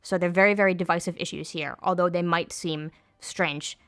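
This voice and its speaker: A woman explaining politics in an interview, measured, with frequent ums and self-corrections. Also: fairly low pitch, fairly even intonation, a bit bright, smooth.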